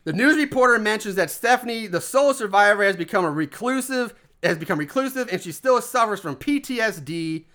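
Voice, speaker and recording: A woman's voice: medium pitch, animated, fairly quick, hardly any pauses, a bit bright. A woman co-hosting a podcast, recapping a film in casual, profane, sarcastic chat. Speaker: podcast co-host.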